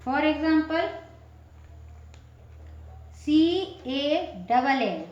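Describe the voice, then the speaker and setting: A woman teaches pronunciation very slowly, spelling words out letter by letter before saying them. Her voice sits high, and she asks and answers her own questions. The recording is echoey and a bit dull. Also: a little mellow.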